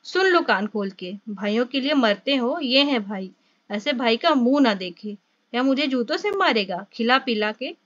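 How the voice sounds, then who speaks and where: A woman's voice: fairly high pitch, lively intonation, moderate pace, no room sound, highs cut off. Woman reading as a fierce scolding village wife. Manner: scolding, shouting insults. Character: fierce village peasant wife, sharp-tongued.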